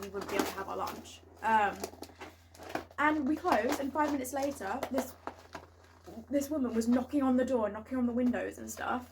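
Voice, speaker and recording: A young woman telling a story in casual chat, acting out exchanges as she retells them. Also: fairly high pitch. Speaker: vlog co-host sharing retail stories. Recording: clear background noise.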